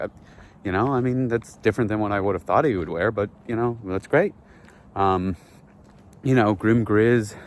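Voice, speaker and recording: A man vlogging outdoors while walking through a neighborhood, rambling dryly with lots of fillers in a deadpan satirical way. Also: deep voice, a little hiss or hum. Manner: rambling, many fillers, dry.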